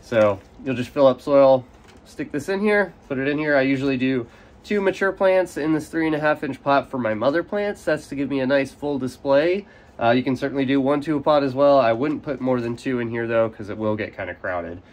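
A young man with a medium-pitched, brisk voice, slightly nasal from a cold, casually explains how he divides and repots plants. As a carnivorous plant grower giving a hands-on gardening demonstration, he's relaxed and explanatory with fillers, outdoors in sunlight at a potting table, with an overhead camera recording and him off frame.

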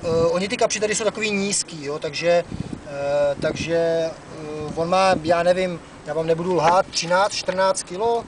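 A man in his thirties from the Czech Republic, chatting casually about fishing on a river dock, with lots of "eh" fillers. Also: on the high side. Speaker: angler and fishing vlogger. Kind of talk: casual outdoor fishing talk to camera. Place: outdoors on a wooden dock by a wide river. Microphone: camera mic from a few meters away. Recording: distant camera mic with outdoor noise.

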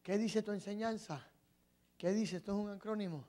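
A middle-aged man preaching in Spanish, telling a personal story that rises to shouted, tearful peaks and falls to quiet teaching. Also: high voice, moderate pace. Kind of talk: impassioned sermon testimony.

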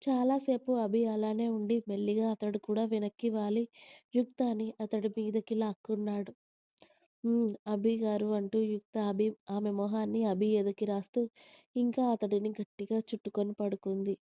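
A woman narrating a romantic family story in a calm, even storytelling manner. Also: mid-range voice, moderate pace, no echo.

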